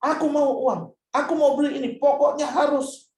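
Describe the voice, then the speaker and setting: A man voicing a whiny, demanding young child who shouts for things. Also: very high voice, fairly even intonation, normal speed, voice pushed up. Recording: roomy hall, mic at a distance.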